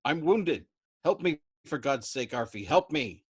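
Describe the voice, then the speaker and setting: A man reading an audiobook, voicing a desperate wounded airman who pleads and shouts in anguish. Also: medium pitch, animated, unhurried, breathy edge, dry recording, clean studio sound, voice pushed up. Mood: exasperated screaming. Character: wounded airman, desperate, screaming, sobbing and exasperated. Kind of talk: acted audiobook dialogue.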